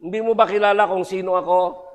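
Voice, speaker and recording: A man's voice: high voice, steady tone, brisk, in a large hall, pitched above the performer's own voice, close to an everyday voice. A man voicing a menacing male devil who taunts an old man with raised, pressing questions. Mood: taunting.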